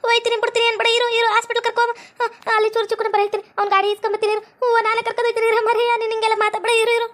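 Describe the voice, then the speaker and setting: A woman's voice: very high voice, little pitch movement, very fast, fairly bright tone. A woman playing a frantic young village wife, wailing and repeating herself. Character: frantic young village wife fussing over her husband. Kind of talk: village comedy skit.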